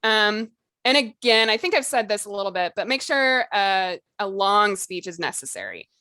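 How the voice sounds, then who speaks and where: Her voice is mid-range and very animated, moving at normal speed with a sharp tone, and the recording is dry. She is a podcast co-host offering fiction-writing tips in a loose, instructional chat. Her delivery is informal and hedging, full of "like" and "you know."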